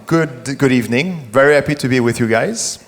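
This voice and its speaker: Talking easily before a live conference crowd, a middle-aged French Canadian tech executive keeps a brisk pace at a typical middle pitch, frequently restarting and self-correcting. The large venue lends a long reverb, and there is a little hiss or hum.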